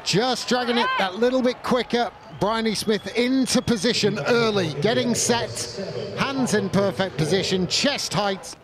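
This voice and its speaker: A man giving measured cricket analysis, rising to shouts when wickets fall. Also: sits high. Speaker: cricket co-commentator. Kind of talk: live sports analysis. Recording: commentary mic with stadium crowd behind.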